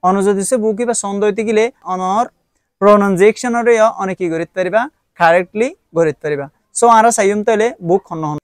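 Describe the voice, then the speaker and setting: High-voiced man with a Rohingya accent. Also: fairly quick, no echo, studio quality. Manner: explains step by step with frequent hesitations. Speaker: book reviewer. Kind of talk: casual spoken product review.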